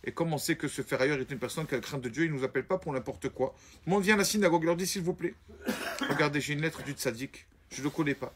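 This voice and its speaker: A man telling a Shabbat story in a spoken storytelling style, acting out each character and often dropping to a low murmur. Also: fast, slight background noise.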